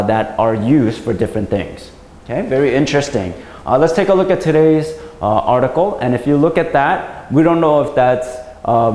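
An English teacher with a medium-pitched, darkish voice gives children a patient science lesson, frequently asking "right?" as he explains. The recording is roomy with a long reverb.

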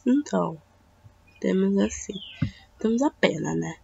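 In a casual screen-recorded drawing tutorial made at home, a teenage girl from Brazil talks with a Brazilian Portuguese accent, her voice hoarse from a cold. Mid-range and animated at a measured pace, she is chatty yet hesitant and addresses viewers as "gente", over a dull lo-fi mic with faint hiss.

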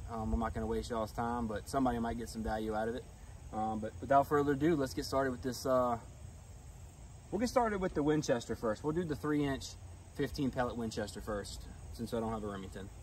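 A young man hosts a casual outdoor range video in a relaxed, easygoing way, pitched in the middle of the male range. The camera mic sits a few feet off, so he sounds slightly distant. A faint hum of insects carries through the open field. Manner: laid-back, counts pellets aloud. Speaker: outdoors channel host. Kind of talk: casual shooting range vlog. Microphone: camera mic a few feet away.

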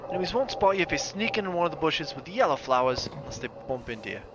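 High, lively man streaming a game. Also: fast talker, muffled recording, noisy background. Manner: animated, joking, sings and mimics lines. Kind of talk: live gameplay commentary. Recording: game music under the voice. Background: game music.

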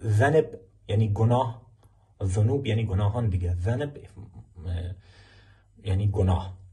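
A man teaching a language lesson, explaining film clips and slowly repeating phrases for learners to practice. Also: lowish voice, mellow, breathy edge.

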